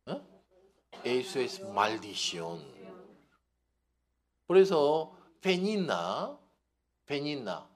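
Very slow, animated male preacher. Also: mid-range voice. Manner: questioning the audience, animated storytelling. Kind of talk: sermon.

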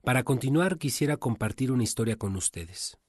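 A man's voice: mid-range voice, animated, fairly quick, dry recording, clean studio sound. A man preaching a sermon in an earnest storytelling manner.

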